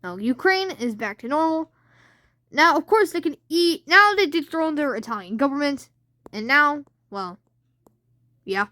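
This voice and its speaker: A woman's voice: sits high, expressive, measured pace, pauses often, bright, forceful tone, no echo, clean studio sound. A woman hosting a casual alternate-history map commentary, rambling with lots of fillers and unsure asides. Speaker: channel host.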